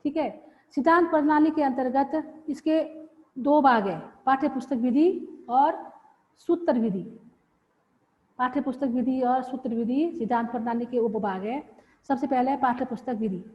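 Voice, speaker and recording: A woman giving a classroom lecture, explaining slowly and repeating phrases with pauses. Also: high-pitched. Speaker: teacher. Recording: dull lo-fi audio with long reverb.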